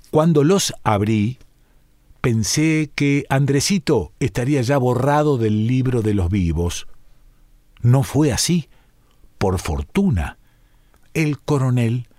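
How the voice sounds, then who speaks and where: A man reading a short story aloud in a measured, expressive way. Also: medium pitch, dry recording, studio quality. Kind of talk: scripted story narration.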